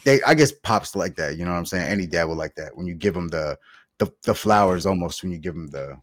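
A man's voice: low voice, animated, fast, dry recording, clean studio sound. A young man co-hosting a podcast in easygoing casual chat, laughing often. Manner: easygoing, laughs often, lots of you know and like. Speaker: podcast co-host.

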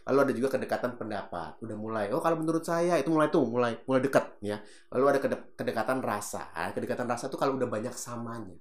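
A man's voice: mid-range voice, racing, roomy sound. A man speaking as a public speaking coach, explaining casually and demonstrating to viewers he calls guys. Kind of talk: casual teaching monologue.

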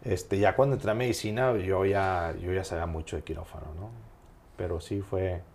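A middle-aged man, a surgeon guest telling childhood stories in a relaxed, rambling way with many fillers. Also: low voice, moderate pace, slight background noise. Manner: rambling storyteller with frequent fillers. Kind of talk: casual podcast interview.

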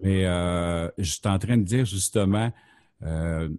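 Low-voiced hesitant Quebec host. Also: male voice, slow pace, darkish tone, clear, resonant tone. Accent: Quebec French. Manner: rambling, hesitant with many filler sounds. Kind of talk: casual radio-style presentation.

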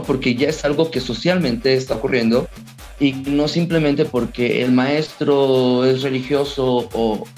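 A man with an ordinary mid-range voice who joins a casual podcast panel. He speaks hesitantly and fills his pauses with small filler words. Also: mid-range voice.

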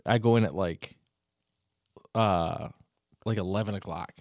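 A man, co-hosting a podcast in rambling, halting casual chat full of restarts. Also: sits low, a little mellow, no room sound, studio quality. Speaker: podcast co-host.

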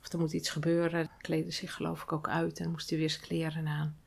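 A woman hosting her own podcast, talking in a calm, thoughtful and explanatory way in a reflective solo monologue. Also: low voice, a little fast, vocal fry, husky. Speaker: podcast host and hospital clown.

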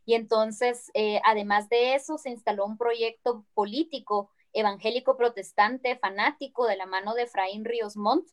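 Earnest Guatemalan woman, slightly high voice. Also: steady tone, normal speed, few pauses. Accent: Guatemalan Spanish. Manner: reflective, earnest, tags phrases with "¿no?". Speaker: guest activist. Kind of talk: conversational interview.

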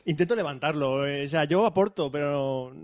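A man's voice: on the high side, moderate pace. A man with an Alicante accent co-hosting a podcast, teasing and telling jokes. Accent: Alicante Spanish. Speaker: podcast co-host. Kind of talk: casual joking chat.

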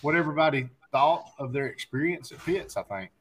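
A man's voice: a little high, lively intonation, brisk, a bit bright, a little hiss or hum. A man hosting a casual podcast, joking and teasing his guests and stumbling over their names. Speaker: podcast host. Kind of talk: casual chat.

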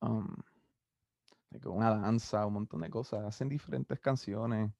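A young man in his early twenties with a Puerto Rican Spanish accent and a low, gravelly, mellow voice. He talks in a flat, relaxed, rambling way, full of fillers. The sound is dry and close. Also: measured pace, no room sound, muffled recording. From Puerto Rico. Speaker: musician guest. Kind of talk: casual interview, mixing Spanish and English.

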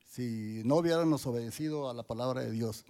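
A man, giving a church testimony in a halting way, full of restarts and fillers. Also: mid-range voice, mellow. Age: 60s.

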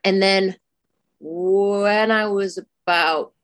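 A woman's voice: medium pitch, steady tone, extremely slow, no echo, clean studio sound. A woman in her forties with a Mancunian accent, an actress chatting as a podcast guest, enthusiastic and laughing often. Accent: Mancunian English. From Manchester, England. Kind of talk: casual interview chat.

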